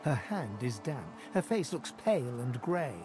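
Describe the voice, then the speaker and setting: A man reading the scripted narration of a video game in a measured storyteller's manner. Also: medium pitch, very animated. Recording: game music behind.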